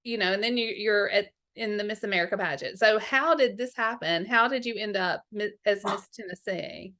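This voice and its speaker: A woman in her forties hosting a casual interview, bubbly and quick with questions and laughter. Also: mid-range voice, pushed and bright. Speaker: podcast host.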